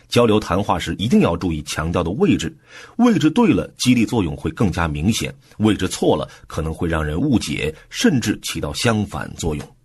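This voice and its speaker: Low, very husky man explaining a book. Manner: relaxed explanatory, with soft filler particles. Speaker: audiobook book-summary narrator.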